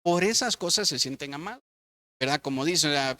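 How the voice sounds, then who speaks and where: A man's voice: on the high side, lively intonation, fairly quick, pushed and bright, no echo. A middle-aged man, a pastor, talking in a church conversation who playfully acts out his children's voices.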